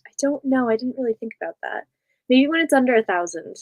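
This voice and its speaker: A woman's voice: high voice, expressive, fast talker, dry recording. A young woman chatting casually as co-host of a reading livestream, giggling often and reading out viewer comments.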